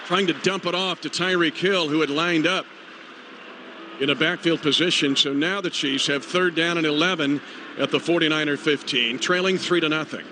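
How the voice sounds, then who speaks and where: This American man has a high voice and calls football play-by-play on live radio. He speaks at a normal speed in clipped, urgent phrases, with stadium noise clearly audible behind him.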